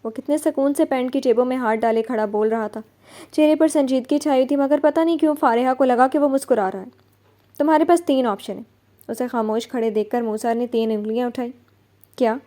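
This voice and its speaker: A woman narrates a romance novel with expressive storytelling. Her voice sits a little above the usual pitch. The tone is warm and mellow rather than bright. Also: a little fast.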